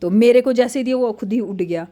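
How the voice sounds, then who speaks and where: Chatty mellow-voiced mom vlogger. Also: female voice, on the high side, quick pace. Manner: chatty, excitable storytelling. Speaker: family vlogger and mother. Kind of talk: casual chatty vlog narration.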